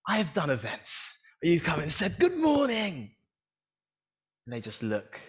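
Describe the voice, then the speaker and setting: A man's voice: a little high, very animated, brisk, a bit bright. A man hosting a live event on stage, playful and teasing with the audience. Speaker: event host. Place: large event hall with an audience. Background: audience murmur.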